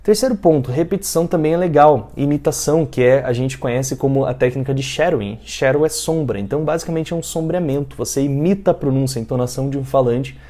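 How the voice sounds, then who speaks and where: A man's voice: mid-range voice, quick pace, few pauses, warm tone. A man with a Brazilian Portuguese accent, a native Portuguese speaker teaching English, who explains learning tips informally and keeps checking in with "tá?" and "né?". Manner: informal, repeats points with "tá?" and "né?".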